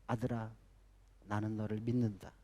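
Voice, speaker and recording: A male pastor voicing a quiet, humble father who speaks softly, within a sermon. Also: a little high, fairly quick, gravelly, pitched below the performer's own voice. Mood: gentle.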